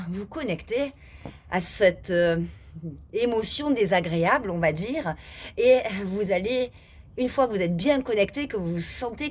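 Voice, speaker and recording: A middle-aged woman leading a guided laughter yoga class, playful and demonstrative, often breaking into laughter and filling pauses with hesitations. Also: medium pitch.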